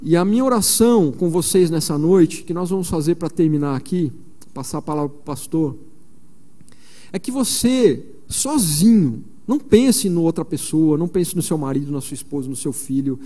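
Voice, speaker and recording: Mellow-voiced preacher in an echoing church. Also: male voice, on the high side, expressive, normal speed. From São Paulo, Brazil. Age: 40s. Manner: conversational storytelling with frequent fillers. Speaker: missionary preacher. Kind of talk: conference sermon. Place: large church. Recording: long reverb of a large church hall.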